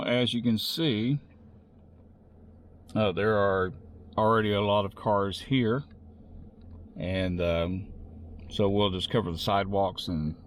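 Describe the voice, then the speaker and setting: A man with a Southern American accent, narrating his work in a casual vlog from cold outdoor parking lots. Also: fairly low pitch. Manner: chatty, explains as he works. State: out of breath. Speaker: vlogger spreading ice melt.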